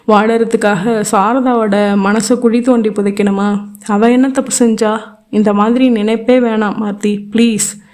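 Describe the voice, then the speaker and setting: A woman reading an audio novel, voicing a gentle man who consoles his former lover in a calm, restrained way. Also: a little high, lightly acted.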